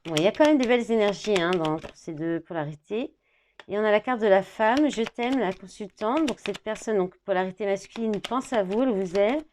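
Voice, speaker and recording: A woman's voice: mid-range voice, a little fast, a little hiss or hum. Woman chatting through a tarot reading. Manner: thinks out loud, reads card words, many "hein" and "bah". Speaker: tarot card reader.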